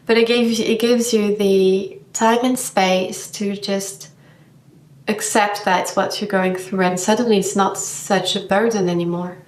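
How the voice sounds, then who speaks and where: Female yoga teacher, vlog monologue, unhurried and searching for words, sits back from the mic. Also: mid-range voice, echoey room, far from the mic. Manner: slow, thoughtful, searching for words.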